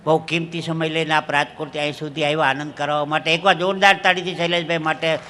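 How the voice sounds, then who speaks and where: A man's voice: fairly high pitch, flat delivery, fast, bright, forceful tone, slight background noise. A man from Dwarka tells jokes on stage into a handheld mic and laughs at his own punchlines. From Dwarka, Gujarat, India. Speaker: stand-up comedian. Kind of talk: stage comedy storytelling at a folk gathering. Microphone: handheld stage microphone.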